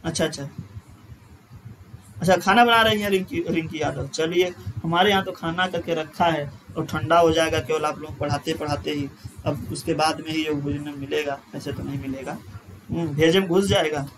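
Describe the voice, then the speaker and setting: High-voiced chatty teacher. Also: male voice, fairly even intonation, moderate pace, background noise. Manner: chatty, joking asides to viewers; stretches vowels when chanting verses. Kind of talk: live online Sanskrit grammar class.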